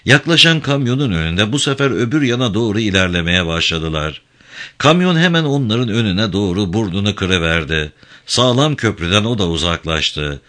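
Bright-toned male audiobook narrator. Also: deep voice. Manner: dramatic measured reading.

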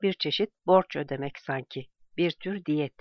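The audiobook reader voicing a grieving young woman who speaks softly and with restraint, read in a dry, slightly dull recording. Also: medium pitch, moderate pace, no room sound, close to an everyday voice. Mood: quiet, wistful. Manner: soft, restrained.

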